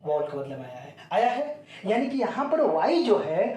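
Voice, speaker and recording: A man's voice: high voice, sing-song, darkish tone, far from the mic. Man teaching grammar in an echoey room. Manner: explains slowly, repeats key points, checks "clear?". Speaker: English teacher. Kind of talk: classroom grammar lesson.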